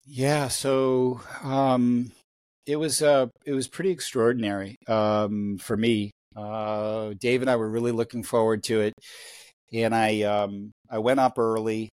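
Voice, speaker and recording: A man in his fifties talks as a podcast guest, in a rambling, halting way full of restarts. His voice sits at an ordinary middle pitch. The sound is dry and close, with no room around it. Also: flat delivery, darkish tone, clear, resonant tone, dry recording. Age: 50s. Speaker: guest athlete. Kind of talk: casual podcast storytelling.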